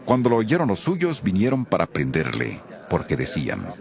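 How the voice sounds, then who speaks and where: A man narrating a Bible reading in a solemn, expressive scripted style. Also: low voice, moderate pace, gravelly.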